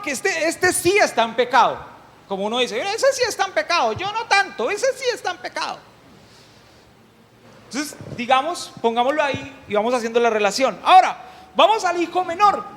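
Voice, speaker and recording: A preacher gives an animated, humorous sermon, putting questions to the congregation as he goes. His voice is very high, and a long hall reverb trails after every phrase.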